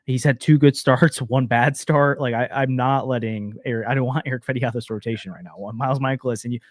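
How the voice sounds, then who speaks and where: A man's voice: mid-range voice, fairly even intonation, no room sound. Man, chatty baseball talk, dry close mic, lots of "like". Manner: hedging, filler-heavy, quick restarts. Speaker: podcast co-host. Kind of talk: casual sports talk.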